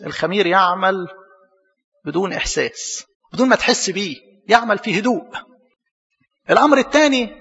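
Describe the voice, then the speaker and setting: An Egyptian priest preaching a sermon, asking questions and answering them himself. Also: male voice, high voice, sharp tone, husky, long reverb tail, highs cut off. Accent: Egyptian Arabic. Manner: storytelling preacher, asks and answers his own questions.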